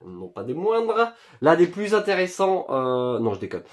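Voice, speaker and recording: A man's voice: a little high, huge pitch swings, measured pace. A young man, chatting casually through an unboxing of his purchases, with plenty of fillers and joking slangy asides. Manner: chatty, lots of fillers and self-corrections. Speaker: video creator showing his purchases.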